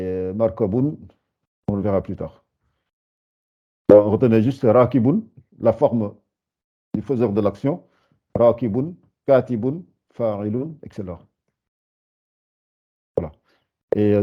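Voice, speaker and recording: A man leads a beginner lesson, breaking words into syllables and drawing them out slowly, with frequent hesitant fillers. His voice sits low. The recording is dull and lo-fi. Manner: patient, spells syllables slowly, many hesitations. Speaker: Arabic teacher. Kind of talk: live beginner lesson with students.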